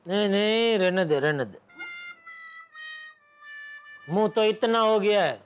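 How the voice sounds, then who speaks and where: A man's voice: high voice, animated, moderate pace, dull audio. An actor playing a harried middle-aged businessman who grumbles dramatically in a sitcom. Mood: grumbling. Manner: complaining, theatrical sighs of fatigue. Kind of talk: sitcom acting. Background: music.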